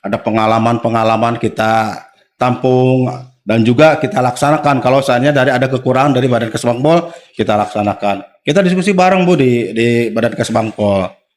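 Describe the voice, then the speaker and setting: A man in his forties, a guest official on a podcast, explaining things step by step in a relaxed way and often agreeing with short replies. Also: medium pitch, brisk. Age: 40s. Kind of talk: casual podcast conversation.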